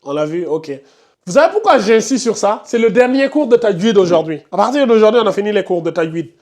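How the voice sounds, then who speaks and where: A man's voice: high-pitched, expressive, fairly quick, a little mellow. A man teaching a live tajwid class, questioning students by name and insisting they concentrate. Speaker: Quran recitation teacher.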